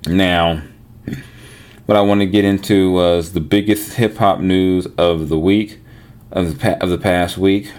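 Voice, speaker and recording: A man's voice: deep voice, steady tone, a little slow, a little mellow. A man hosting a podcast, talking casually or reading a sponsor spot in his own voice. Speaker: podcast host. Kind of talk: casual sports and hip hop talk, with read-out sponsor spots.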